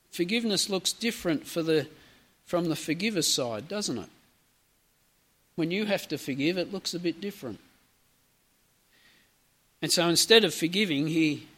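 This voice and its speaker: A man with a high, light voice delivers a sermon. He retells a parable like a storyteller, dropping casual asides to his listeners along the way. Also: fairly bright tone. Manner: storytelling preacher, conversational asides. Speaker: preacher.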